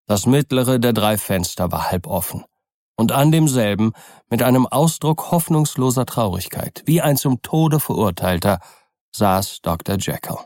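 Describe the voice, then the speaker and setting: A man narrating an audiobook in a measured, even storytelling manner, close to the mic. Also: medium pitch, no room sound.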